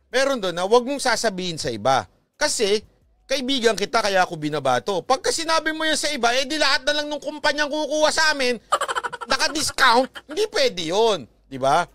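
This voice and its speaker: A man's voice: high voice, fairly bright tone, dry recording. A man with a Filipino accent giving chatty, teasing commentary, laughing often and mixing Tagalog and English. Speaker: vlogger commentator. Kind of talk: casual commentary.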